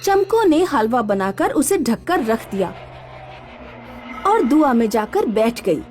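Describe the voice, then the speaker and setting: A woman telling a scripted horror story in a lively, expressive way. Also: fairly high pitch, slow pace, soft background music.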